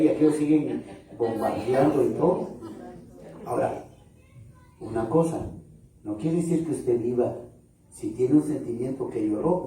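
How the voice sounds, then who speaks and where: A man preaching a lively sermon, acting out churchgoers in raised voices. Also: slight background noise. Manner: animated, acts out churchgoers in high voices, laughs through lines. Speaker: pastor. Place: church sanctuary. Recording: echoey church hall, far from mic.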